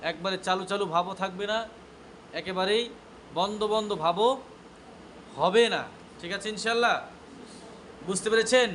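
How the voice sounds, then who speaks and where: A man with a high, bright voice teaches a class, firing short questions and answering them himself. He drills each point several times and spells out letter names slowly, one by one. The recording is made in a classroom, with clear background noise under his voice. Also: fairly even intonation. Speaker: Quran recitation teacher. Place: classroom with students present.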